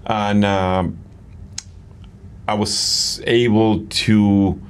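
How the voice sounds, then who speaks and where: A man's voice: fairly low pitch, steady tone, very slow, slight background noise. A middle-aged man from Argentina, a padel coach as interview guest, talking enthusiastically with many fillers and restarts. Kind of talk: casual interview conversation.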